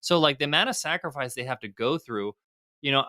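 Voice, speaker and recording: A man's voice: medium pitch, a little fast, pushed and bright, no room sound, studio quality. A middle-aged man, a guest entrepreneur, speaking candidly in a casual podcast interview with frequent fillers and restarts. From United States.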